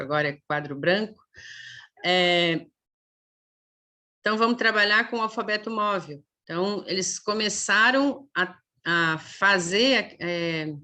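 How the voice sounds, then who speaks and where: Brazilian woman teacher, bright voice, explanatory lecture tone, drawn-out demo sounds. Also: on the low side. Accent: Brazilian Portuguese. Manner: explanatory, many "né?" tags, stretches sounds slowly to demonstrate. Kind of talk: online lecture.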